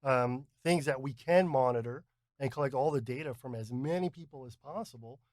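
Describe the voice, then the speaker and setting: A man co-hosting a podcast, explaining ideas in a measured way with frequent "um" and "uh". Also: mid-range voice, no room sound, studio quality. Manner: measured, with many "um" and "uh" fillers. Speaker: podcast co-host. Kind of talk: casual explanatory chat.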